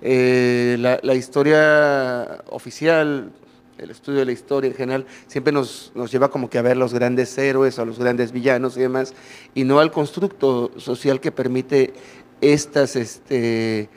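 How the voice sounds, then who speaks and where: A man's voice: medium pitch, fairly even intonation, measured pace, clear, resonant tone. A Mexican-accented man stands in the audience and talks into a handheld mic, friendly and loose. He rambles a little and leans on fillers between his points, in a conference hall. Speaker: audience member. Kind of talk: question from the floor.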